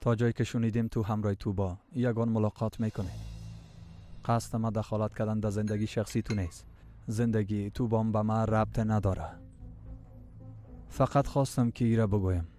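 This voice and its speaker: Dub role: a man playing a serious, level-headed man with a low voice, lecturing. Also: fairly even intonation, warm tone, soft background music, close to an everyday voice. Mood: stern. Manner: measured, lecturing. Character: stern man delivering a warning, patient then insulted.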